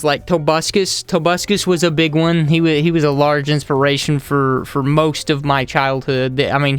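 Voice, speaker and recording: Young male vlogger from the American South, scattered, restart-heavy delivery, slightly high, clean voice. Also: fairly bright tone, clean tone. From Southern United States. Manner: rambling and jumpy, with many restarts. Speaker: YouTuber. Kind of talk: casual vlog monologue.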